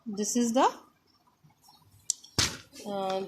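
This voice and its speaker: Woman teacher for a first-grade reading lesson, slow and deliberate, checks in with "right?" after each point. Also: mid-range voice, noisy background. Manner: slow, explains words and keeps asking "right?". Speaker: primary school teacher. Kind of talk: online class lesson.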